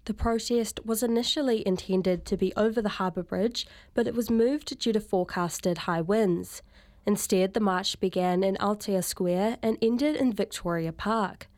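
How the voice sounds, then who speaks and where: A New woman reads a scripted radio news report in a clear, even voice. The sound is dry and close. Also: mid-range voice, normal speed, dry recording.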